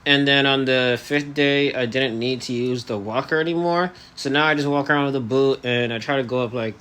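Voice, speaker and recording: Male, 18, medium pitch. Earnest, hesitant personal vlogger, articulation a little restricted at the jaw. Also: brisk, a bit bright, smooth. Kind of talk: personal vlog monologue to camera.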